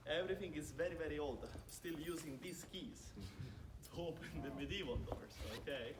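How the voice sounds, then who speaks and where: On a stone village street, a young Italian man with an Italian accent talks a group through a winery tour, chatty and fond of piling on "very." His voice is a little high and paced normally, heard from a distance via a phone camera in the crowd, with loud outdoor noise around it.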